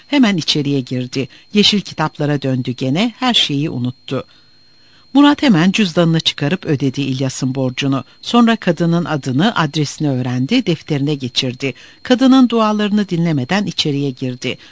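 A male narrator reads a story aloud with a dramatic, expressive delivery. His voice sits high and moves widely in pitch. The recording is dry and close. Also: no echo.

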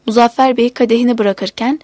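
A woman narrating an audiobook in a measured, even reading voice. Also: fairly high pitch, no room sound, studio quality.

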